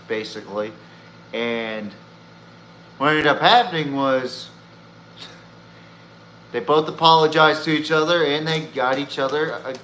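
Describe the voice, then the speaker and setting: Sounding like an exasperated fan, a male sports podcast host offers blunt, profane opinions in a mid-range voice that is bright and pushed. Faint background noise and a roomy echo color the recording.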